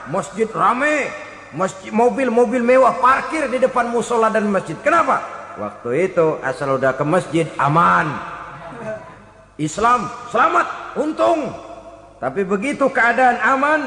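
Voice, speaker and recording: A man preaching a sermon, animated, slipping into short mimicking asides. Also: very high-pitched. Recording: echoey hall with long reverb.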